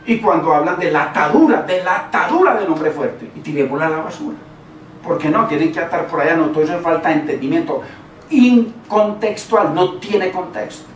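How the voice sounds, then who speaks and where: A man with a fairly high, expressive voice preaches a sermon at a brisk, conversational clip, repeating words and asking his listeners rhetorical questions. He sounds far away in an echoey room, with faint noise behind him.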